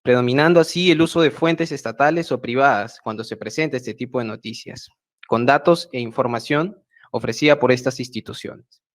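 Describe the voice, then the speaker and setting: A man from Peru's central Andes with a Peruvian Spanish accent, giving a measured prepared talk at an online meeting, pausing often with hesitant fillers. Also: mid-range voice. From Peru, central Andes. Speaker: speaker at an online project meeting. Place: home, remote video call. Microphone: video call mic.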